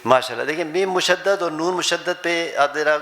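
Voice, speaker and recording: A man's voice: on the high side, sharp tone. Older man teaching Quran recitation in an echoey class. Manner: explains patiently, drills letter sounds with students. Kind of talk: classroom tajweed lesson. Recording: echoey classroom with background noise.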